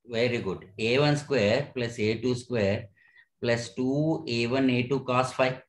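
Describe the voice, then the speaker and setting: A man's voice: mid-range voice, fairly even intonation, slow. A man with an Indian accent teaching physics, explaining step by step and checking that he is followed. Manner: checks understanding with short questions. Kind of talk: online lesson, explaining a derivation step by step. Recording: roomy, echoey sound.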